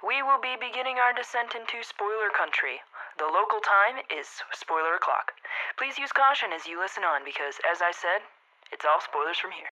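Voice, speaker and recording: A woman's voice: mid-range voice, expressive, a little fast, sharp tone, low-quality recording. A woman doing a pilot over the radio. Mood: official. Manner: formal, announcer-like delivery. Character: female airline captain giving a cabin announcement. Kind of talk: mock pilot announcement.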